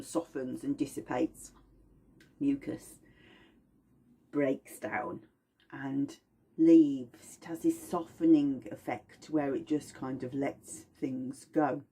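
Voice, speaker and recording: Lady teaching, gentle rambly talk, husky lowish voice. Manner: gentle, rambling, personifies plants. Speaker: aromatherapy teacher. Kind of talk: informal lesson.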